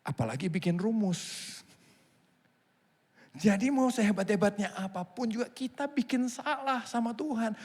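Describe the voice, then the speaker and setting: A man preaching from the pulpit, his slightly high voice swinging between hushed, intimate address and raised, animated storytelling. He speaks with an Indonesian accent. The sound carries a long reverb from a large church hall. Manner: animated preaching, voicing God and a complaining husband. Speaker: pastor. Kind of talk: sermon.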